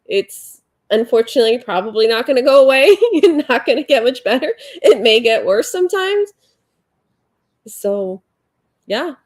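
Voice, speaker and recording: Very animated and a little mellow, her voice runs on the high side at normal speed. The woman, in her forties, is stuffed up and sniffling as she hosts a relaxed home livestream, reading comments and chatting in a rambling way thick with fillers.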